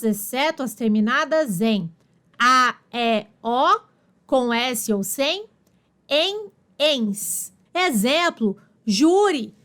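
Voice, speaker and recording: A woman reading grammar rules and examples aloud as study notes, in a slow, list-like dictation. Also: high-pitched, sharp tone. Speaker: exam prep narrator.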